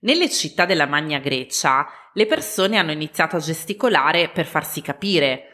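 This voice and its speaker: An Italian woman co-hosting an educational podcast for language learners, speaking in scripted dialogue with clear, didactic phrasing. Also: low voice, expressive, normal speed, bright, forceful tone. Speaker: podcast co-host.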